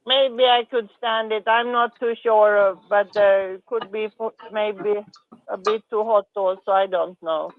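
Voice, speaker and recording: A woman's voice: medium pitch, fairly even intonation, measured pace. A woman chatting casually in a group, speaking in a hesitant, tentative way. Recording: narrow phone-like line, dry sound.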